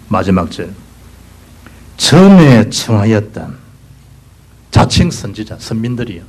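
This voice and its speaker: Animated Gyeongsang-accented preacher with husky voice. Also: male voice, lowish voice, rough recording. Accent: Gyeongsang Korean. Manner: animated, swings between loud bursts and hushed whispers. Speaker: pastor. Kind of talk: sermon. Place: church sanctuary.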